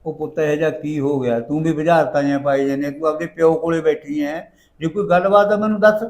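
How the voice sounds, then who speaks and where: A man's voice: on the high side, fairly even intonation, quick pace, close to an everyday voice. An actor playing a weary, defensive rural father who coaxes and pleads with his daughter. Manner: coaxing, then pleading and defensive.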